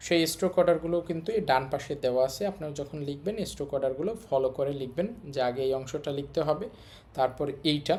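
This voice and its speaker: A teacher talks through a recorded lesson at an ordinary pitch. They break everything into small steps and go over each point more than once. Now and then they pose a question to the viewer and then answer it themselves. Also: darkish tone. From Bangladesh. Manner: explains step by step, repeats key points, asks and answers own questions. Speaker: language teacher.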